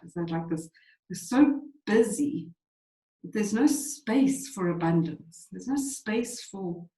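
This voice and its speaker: A woman's voice: lowish voice, roomy sound, poor audio. A woman presenting a spiritual teaching webinar in a reflective way, repeating phrases for emphasis.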